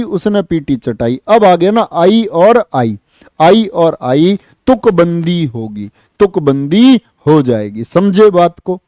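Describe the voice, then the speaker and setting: Lively male Hindi exam-prep teacher. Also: high-pitched, no echo. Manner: lively, repeats questions to students and answers them. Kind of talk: online exam-prep lesson.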